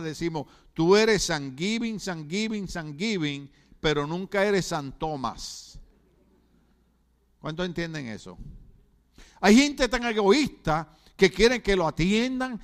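Preaching with a high-pitched, fairly bright voice, a middle-aged pastor from Puerto Rico asks his congregation rhetorical questions and slips in humorous remarks. He has a Puerto Rican Spanish accent.

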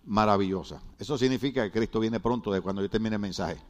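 A man pastor giving a humorous sermon in a church, joking with the congregation and swinging between loud and hushed. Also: fairly low pitch, quick pace. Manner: animated, jokey preaching with wide swings in loudness. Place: church hall.

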